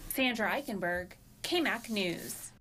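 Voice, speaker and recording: A woman's voice: mid-range voice, lively intonation, measured pace, pushed and bright, slight background noise. A woman television reporter reading a scripted news package.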